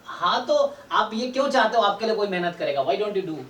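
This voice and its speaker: High-voiced man teaching an online class. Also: expressive, normal speed, fairly bright tone, slight background noise. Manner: explains step by step, keeps checking in with "right?". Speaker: statistics teacher. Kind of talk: live online math lecture. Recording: roomy echo, distant mic.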